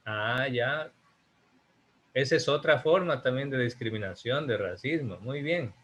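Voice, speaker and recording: A man's voice: mid-range voice, unhurried, a bit bright, breathy edge. A man from Ecuador, teaching an online class over a video call and speaking emphatically, putting rhetorical questions to his students.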